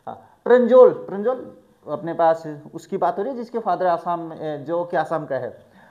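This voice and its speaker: A male teacher from Rajasthan, explaining an English lesson in a lively way, asking questions and acting out vendor calls. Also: fairly high pitch, moderate pace, highs cut off. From Rajasthan, India. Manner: lively, asks the class questions and acts out street vendor calls. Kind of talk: bilingual classroom explanation of an English chapter.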